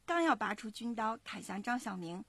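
A woman in her thirties, a mother, narrating a children's story in an expressive, measured way. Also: fairly high pitch, slightly rough, no room sound. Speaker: parent storyteller.

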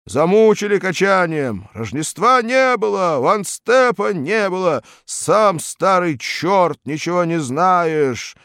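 A man voicing a rebellious young student who shouts and wails in outbursts. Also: sits high, expressive, slow pace, hardly any pauses, no echo, studio quality, voice pushed up, exaggerated voice. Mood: defiant. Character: rebellious young male student, tearful and defiant.

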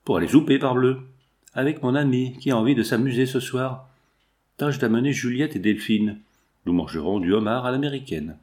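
A man's voice: mid-range voice, moderate pace, a little mellow, natural voice. A man voicing a self-assured Parisian man-about-town, jovial, coaxing and bluff.

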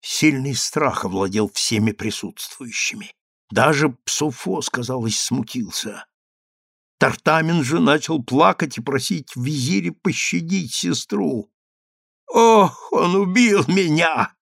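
A man narrating a novel aloud in a measured, dramatic reading. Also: mid-range voice, vocal fry, a bit bright, husky, no echo, studio quality. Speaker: audiobook narrator.

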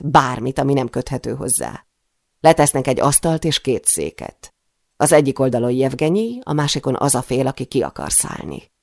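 A woman's voice: very deep voice, gravelly, a little mellow, no room sound, clean studio sound. A woman narrating a first-person novel in a tense, intimate storytelling manner. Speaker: audiobook narrator.

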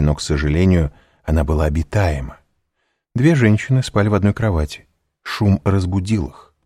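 Deep-voiced male narrator for a dramatic novel reading, dry studio sound. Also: warm tone, dry recording. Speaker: audiobook narrator. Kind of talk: scripted narration.

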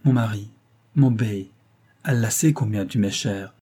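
A man voicing a noble young wife, gentle but resolute, in an audiobook reading with an earnest, solemn manner. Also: fairly low pitch, a little slow, slightly rough.

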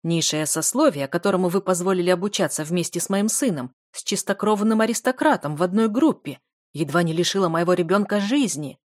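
A haughty noble lord hisses and blusters at everyone around him, as a woman reader puts him on. His voice is low, loud and forceful, and it rings dry in a close, deadened room. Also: lively intonation, a little fast, no room sound, lightly acted. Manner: hissing, blustering, indignant. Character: arrogant pompous male aristocrat lord, middle-aged.

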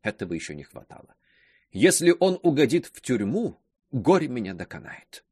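A man's voice: medium pitch, big pitch swings, moderate pace, darkish tone, slightly rough, no room sound, studio quality, voice pushed up. A man reading aloud voicing an anxious middle-aged shopkeeper woman who sighs and frets. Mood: fretful. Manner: sighing, fretful.

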